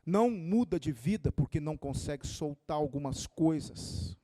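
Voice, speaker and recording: A man's voice: fairly high pitch, expressive, normal speed, mellow, dry recording, clean studio sound. A male pastor, preaching an impassioned sermon that swells and drops. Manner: impassioned, rising and falling dynamics.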